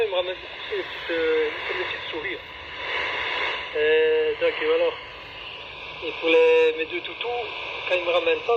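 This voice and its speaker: Over a two-way radio, an amateur radio operator with a fairly high male voice talks casually and rambles, often hesitating. The walkie-talkie transmission sounds dull and clearly noisy.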